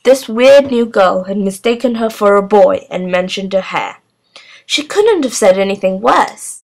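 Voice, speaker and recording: A woman reads a children's novel aloud, narrating at a steady pace. Her voice sits at an ordinary middle pitch, and her delivery is clear and measured. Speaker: storybook reader.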